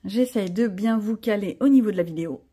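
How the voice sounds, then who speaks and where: A woman's voice: mid-range voice, fairly quick, warm tone, slight background noise. A woman vlogger chatting casually to viewers while she colors, with chatty self-mocking asides.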